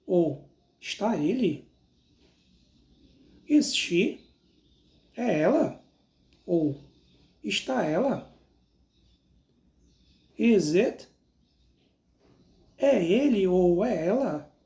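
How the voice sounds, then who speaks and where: A teacher with a Brazilian Portuguese accent explains grammar at an unhurried pace in a soft, mellow tone. Each example is read out and then translated. The recording rings with a noticeable room echo. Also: medium pitch, sing-song. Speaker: English teacher. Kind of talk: slow recorded language lesson. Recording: roomy, echoey recording.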